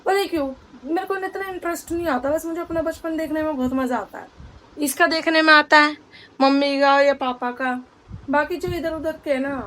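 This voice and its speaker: High-voiced chatty young woman vlogger. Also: fairly bright tone, a little hiss or hum. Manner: chatty and rambling, addresses viewers directly. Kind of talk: casual vlog chat.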